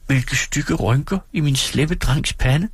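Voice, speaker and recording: A childish young wife pleads and sulks in a high, soft voice, as a man reading aloud puts her on. She sounds husky, with a dry close sound. Every line comes out plaintive and teary, like a spoiled girl in a storybook. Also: dry recording. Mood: sweet teasing. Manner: sulky, plaintive, quick to tears.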